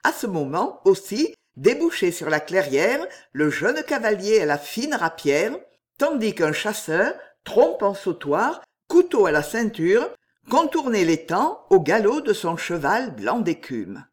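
A woman reads a historical novel aloud in a measured, expressive storytelling manner. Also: mid-range voice. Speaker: reader.

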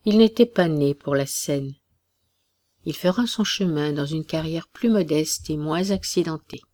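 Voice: medium pitch, measured pace, darkish tone, close to an everyday voice. A narrator doing a brazen showman troupe director. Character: smooth-talking male troupe director. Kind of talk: storybook reading.

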